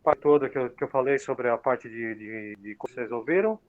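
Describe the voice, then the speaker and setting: A man's voice: medium pitch, normal speed, narrow, tinny audio. A man teaching an online Bible study, his video-call audio choppy and breaking up as he hesitates and restarts phrases.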